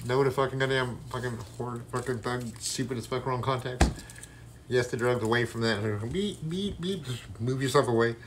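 A man's voice: mid-range voice, moderate pace, background noise. A man freestyle rapping and ranting in a rambling, combative, heavily profane way.

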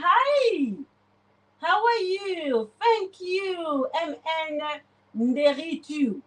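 A woman in her forties chats casually on a livestream from her home kitchen, greeting viewers by name as she cleans her oven. Her voice sits high, and the audio is poor, captured by a phone camera aimed at the oven.

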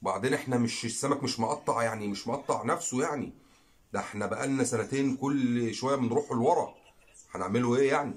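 A man's voice: medium pitch, quick pace. A man with an Egyptian Arabic accent, hosting a fishing channel and making an earnest, pleading direct-to-camera appeal, repeating phrases for emphasis.

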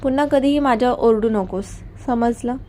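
A woman's voice: fairly high pitch, normal speed, a little mellow, lightly acted. A woman voicing an arrogant, domineering rich young husband in a storybook reading, with cold, commanding scorn. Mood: harsh.

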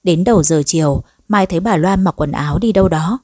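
A woman narrating a scripted story in an even, measured way. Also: lowish voice, dry recording, clean studio sound.

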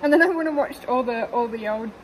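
A chatty woman with a fairly high voice, talking casually from inside a car. She rambles happily with plenty of fillers and little laughs, over a faint hiss of ambient noise. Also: quick pace, low-quality recording. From New Zealand. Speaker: car owner guest. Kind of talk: casual chat. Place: in a parked car.

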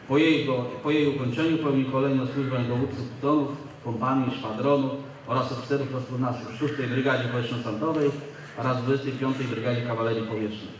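A man, a military officer, delivering a formal ceremonial speech at a podium on an outdoor stage. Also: mid-range voice. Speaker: senior military officer giving an address. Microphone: podium microphone through loudspeakers. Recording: echoing outdoor PA, distant, faint noise.

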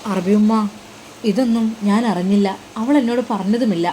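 A woman's voice: medium pitch, a little fast, mellow, echoey room, long reverb tail, a little hiss or hum, lightly acted, poor audio. A woman voicing a devoted male religious teacher who firmly consoles his frightened wife. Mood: firm consoling. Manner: firm, consoling, determined.

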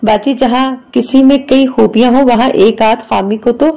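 A woman voicing a gentle, patient middle-aged sister who speaks mildly and reasons calmly in a storybook reading. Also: fairly high pitch, creaky. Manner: mild, reasoning.

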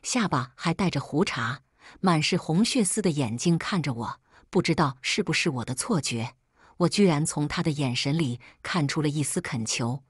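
Woman reading a bitter first-person story, low husky voice, dry close sound. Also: lively intonation, normal speed, no echo. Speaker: story narrator. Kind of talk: first-person audiobook narration.

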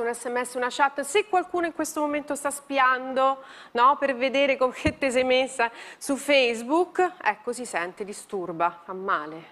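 High-voiced woman doing comic monologue. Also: fairly bright tone. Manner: theatrical, exasperated one-sided phone talk. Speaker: comic performer. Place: TV studio with live audience.

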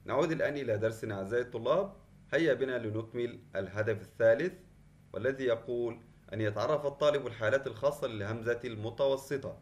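A male teacher giving an online class lesson at a measured, patient pace. His voice sits in the middle range. He explains step by step and repeats the key points. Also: medium pitch, a little hiss or hum. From Qatar. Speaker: Arabic teacher.

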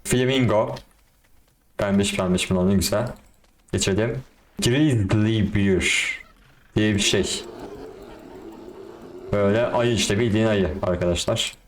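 A man's voice: on the low side, a little slow, pauses often, slight background noise. Chatty young man doing game commentary. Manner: chatty, excitable, slangy. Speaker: gaming YouTuber. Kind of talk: casual gameplay commentary.

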